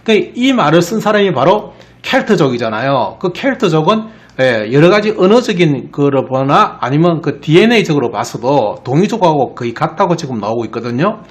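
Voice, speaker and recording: Male lecturer, Gyeongsang accent, fairly high voice with swooping intonation, keeps asking "right?". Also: very animated, brisk, hardly any pauses. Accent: Gyeongsang Korean. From Gyeongsang region of Korea. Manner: explains with frequent rhetorical questions. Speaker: etymology lecturer. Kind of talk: lecture over slides.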